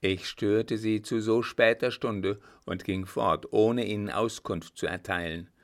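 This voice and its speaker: Man reading as a blunt old army marshal, gravelly, unhurried, bantering. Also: on the low side, fairly even intonation. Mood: gruff, bantering. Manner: loud, brusque, bantering. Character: old gruff male field marshal, blunt and teasing.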